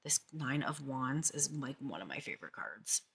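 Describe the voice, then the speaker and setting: Gushing woman with a low, bright voice. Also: very animated, normal speed, breathy edge. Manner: gushing, repeats herself. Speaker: tarot vlogger. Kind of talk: casual chat.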